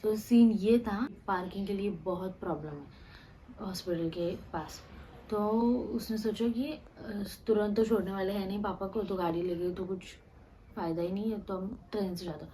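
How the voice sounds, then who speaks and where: A young woman vlogger telling a personal story to camera, halting and restarting, with many fillers and English words mixed in. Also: mid-range voice, warm tone, a little hiss or hum, low-quality recording. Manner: mixes English words into Hindi.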